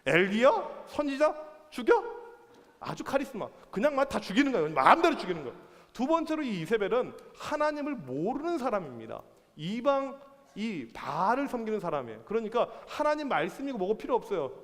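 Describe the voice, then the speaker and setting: Brief: male youth pastor, high, lively, playful sermon, long hall reverb. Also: fast. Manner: animated, playful, acts out characters. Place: church hall.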